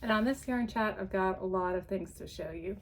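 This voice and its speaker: A woman's voice: medium pitch, fairly quick. Chatty woman, slightly out of breath. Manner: chatty, rambling, with frequent ums and light laughs. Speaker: podcast host. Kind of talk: casual show-and-tell chat.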